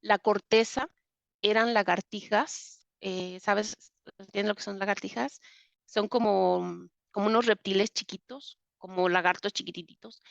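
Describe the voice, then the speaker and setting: Mexican woman guest, animated storyteller, lots of fillers, muffled dry recording. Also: medium pitch, a little slow, creaky, dry recording. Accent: Mexican Spanish. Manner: vivid retelling with many fillers. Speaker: interview guest. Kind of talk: personal storytelling.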